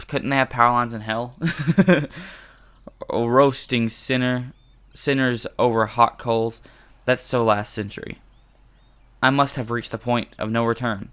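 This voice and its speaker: A man's voice: medium pitch, fairly bright tone. A young man hosting a let's play, reading a visual novel's narration aloud and breaking off for jokey, self-deprecating asides with casual swearing.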